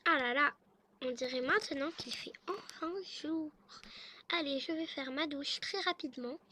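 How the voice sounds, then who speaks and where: A woman chatting her way through a game role-play video, talking straight to her subscribers. Her voice sits high and sounds bright, with a faint hiss behind it. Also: moderate pace.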